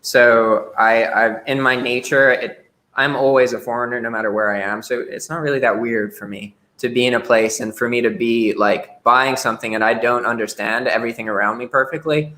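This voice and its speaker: A man's voice: mid-range voice, fairly even intonation, moderate pace, sharp tone. A young man talking frankly as a podcast guest, often repeating words as he starts a sentence. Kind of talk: casual interview chat.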